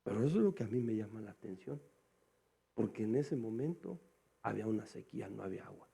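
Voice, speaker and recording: A male pastor preaching a sermon. He keeps calling his listeners "brother" and swings between quiet, low asides and loud, high exclamations. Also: animated, fast, gravelly, slightly rough. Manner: calls the congregation "hermano" again and again.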